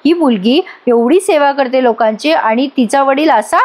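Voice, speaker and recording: A woman's voice: high-pitched, moderate pace, a little mellow, lightly acted. A woman voicing a stern, questioning male police inspector in a story recap.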